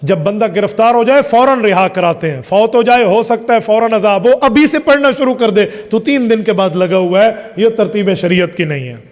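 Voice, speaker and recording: Male Islamic scholar, higher pitch, emphatic and rhetorical, long reverberant hall sound. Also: normal speed, few pauses. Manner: emphatic, rhetorical questions, lists points one by one. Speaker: Islamic scholar answering questions. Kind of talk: religious question-and-answer talk.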